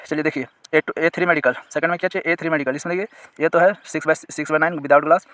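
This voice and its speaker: A man who teaches exam prep, explaining a recruitment notice to viewers. He reads the notice clauses out slowly, then goes back over them in plain words, asking his audience questions and pointing them to sections on screen. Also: a little high, fairly even intonation, pushed and bright, no room sound.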